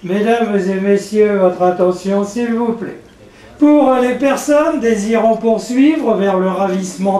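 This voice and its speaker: A man playing a formal, apologetic public announcer over a PA loudspeaker, in a comic spoken-word piece. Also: sits high. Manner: formal, measured station-announcement delivery. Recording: echoey, distant PA-style sound.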